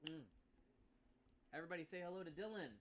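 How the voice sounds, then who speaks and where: A man's voice: on the high side, quick pace, background noise. A man casually reviewing a game class on a live stream, chatty and full of asides to viewers.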